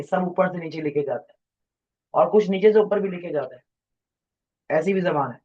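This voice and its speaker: A man lectures a class, his voice sitting a little high. He explains at length, drifts from point to point and fires questions at his students. The classroom recording sounds muffled and lo-fi. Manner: rambling, explanatory, quizzes students. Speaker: teacher.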